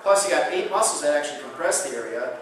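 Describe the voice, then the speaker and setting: A man with a somewhat high voice lectures at a conference, swapping between anecdote and acted-out dialogue. He sounds distant from the microphone, and a very reverberant hall carries his words. A faint hiss sits underneath. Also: expressive, quick pace. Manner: anecdotal, acts out dialogue in storytelling. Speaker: chiropractic lecturer. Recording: echoey hall, distant mic, faint noise.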